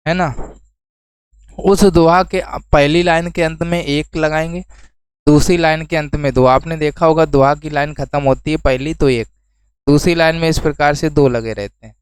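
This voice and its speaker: Male tutor, fairly high voice, smooth and clear, dry close sound; explains step by step and answers his own questions. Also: fairly even intonation, moderate pace, no room sound, low-quality recording. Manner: explains then repeats key terms as questions to students. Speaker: teacher. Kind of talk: exam-prep lesson.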